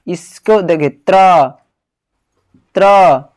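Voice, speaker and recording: A man's voice: high voice, extremely slow. Man quizzing students on grammar. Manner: quizzes himself with a question, then repeats the answer; calls the listener "babu", sounds out syllables. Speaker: teacher. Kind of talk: exam-prep lesson.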